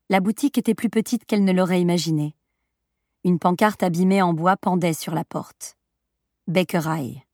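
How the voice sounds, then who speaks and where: A woman narrating an audiobook with an even, measured reading. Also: lowish voice, no echo, clean studio sound. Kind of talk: scripted narration.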